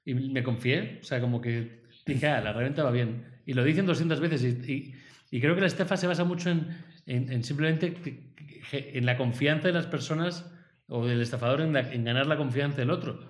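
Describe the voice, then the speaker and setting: Man, mid-pitched voice, animated rueful storytelling, casual podcast chat. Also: fairly quick. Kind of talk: casual conversation.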